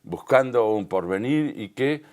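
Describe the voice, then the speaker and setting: Answering questions in a conversational television news interview, a Rioplatense-accented man from Uruguay and Argentina's Río de la Plata explains his points emphatically. His medium-pitched voice is animated, unhurried, and somewhat dark in tone.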